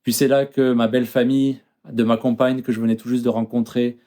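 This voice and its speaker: A man from France in his thirties chats as an interview guest in a dark, mellow voice. He talks hesitantly, full of fillers and restarts. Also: mid-range voice, flat delivery, a little fast. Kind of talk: casual interview chat.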